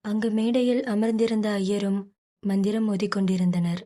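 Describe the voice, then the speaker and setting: A woman narrating an audio novel in a steady storytelling manner. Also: mid-range voice, normal speed. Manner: steady, plainly paced storytelling.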